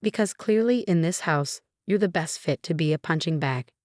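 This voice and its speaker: A woman's voice: deep voice, animated, moderate pace, a little mellow, dry recording, clean studio sound. A woman reading the lines of a cruel, dismissive husband who scolds his wife.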